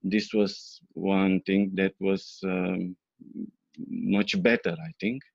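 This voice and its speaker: A man's voice: low-pitched, little pitch movement, takes it slowly, vocal fry, a little mellow, no room sound. A man from Bulgaria answering interview questions, hesitant, with many fillers. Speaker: interview guest. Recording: dull lo-fi dry sound.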